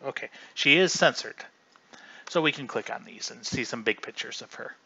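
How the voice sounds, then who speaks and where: A man's voice: medium pitch, moderate pace, vocal fry, bright, forceful tone, husky, muffled recording. A man hosting a casual livestream, chatty and rambling, often restarting mid-sentence. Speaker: livestream host.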